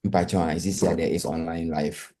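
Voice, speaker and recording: A Ghanaian man with a low voice speaks informally in Rastafari talk. He moves back and forth between English and Twi as he chats. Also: steady tone, moderate pace, mellow. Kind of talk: casual chat.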